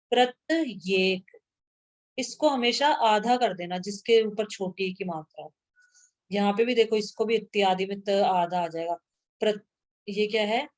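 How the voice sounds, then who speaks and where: A woman's voice: mid-range voice, moderate pace. A woman teaching a grammar lesson to a class, patiently repeating sounds aloud and checking that students follow.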